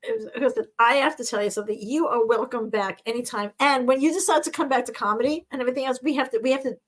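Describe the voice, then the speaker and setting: High-voiced woman comedian hosting. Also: fast talker, poor audio. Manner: animated, acts out quoted voices. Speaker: host. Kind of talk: casual comedic storytelling.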